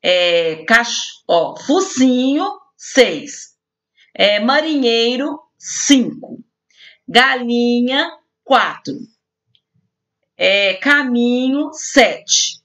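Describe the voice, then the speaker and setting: Brazilian woman, grade-school teacher; higher-pitched, affectionate, spells out syllables slowly; dull lo-fi home recording. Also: expressive, a bit bright. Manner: affectionate, sing-song, slow enunciation of syllables. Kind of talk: recorded homework correction for children.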